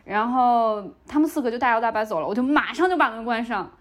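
Fast-talking young woman telling a story. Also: fairly high pitch. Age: young adult. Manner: lively retelling, playing out the dialogue. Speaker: podcast host. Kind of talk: casual storytelling.

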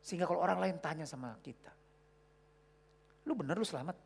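A man preaching a youth sermon, swinging from hushed, low asides to loud, emphatic bursts. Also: lively intonation, fast talker, gravelly, husky.

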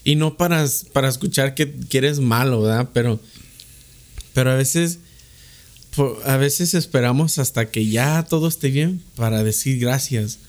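Host type, a man of middle pitch, hesitant, thoughtful casual talk. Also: unhurried. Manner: hesitant, restarts often. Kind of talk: casual chat with scripture reading.

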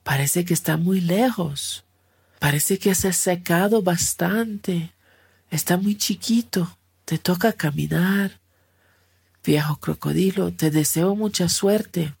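A woman's voice: lowish voice, slow pace, gravelly, darkish tone, slightly rough, no echo, studio quality, heavily acted. A woman voicing a curious, friendly female giraffe who is impressed by an old crocodile.

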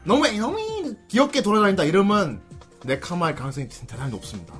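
A man's voice: high-pitched, fast. A man hosting a casual comedic chat, teasing his guests with lots of laughter. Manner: teasing, animated, breaks into laughter. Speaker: host. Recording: music playing behind.

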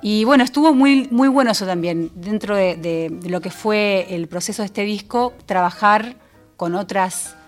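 A woman's voice: medium pitch, moderate pace, faint music behind. A woman singer-songwriter with a Rioplatense Spanish accent, talking through her songs in a casual interview, thoughtful and full of small restarts. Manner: reflective, with frequent fillers and restarts.

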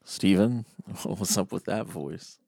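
A man's voice: low-pitched, animated, normal speed, gravelly, darkish tone. A man co-hosting a podcast in casual chat, laid-back and often answering in short, agreeing replies. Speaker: podcast co-host.

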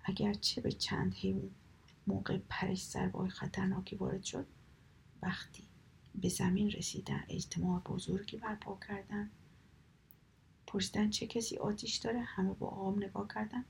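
A woman whispering a children's folk tale aloud in a soft, calm reading manner. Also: medium pitch, vocal fry, pauses often, a little hiss or hum. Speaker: storyteller. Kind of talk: whispered storytelling.

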